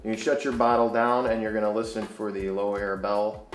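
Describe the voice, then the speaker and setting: Low-voiced male instructor in an echoey room. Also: steady tone, a little fast. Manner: plain, procedural, imperative. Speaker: firefighter training instructor. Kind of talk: instructional demonstration, step-by-step. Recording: echoey room, music underneath.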